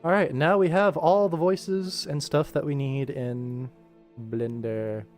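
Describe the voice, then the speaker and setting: An American livestreamer and animator chats casually while he works, sometimes half talking to himself. His voice is on the high side, slow, steady and a little mellow, with soft music in the background.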